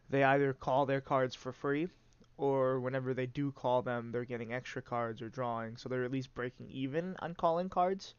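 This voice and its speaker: A man with a stuffy, congested nose hosts a card game and gives loose play-by-play, rambling along with lots of "uh"s and restarts. His voice is medium-pitched, clear and resonant, with no echo, though the sound is lo-fi.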